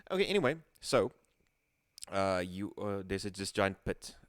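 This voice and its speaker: A man guiding a casual streamed tabletop game, rambling and halting with many restarts. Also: sits low, big pitch swings, no echo, studio quality. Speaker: game facilitator.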